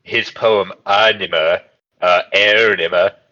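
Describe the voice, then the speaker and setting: Man for a mock-serious comedy podcast host, deep and bright-edged, halting delivery, dull lo-fi sound. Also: steady tone. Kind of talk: satirical comedy podcast chat.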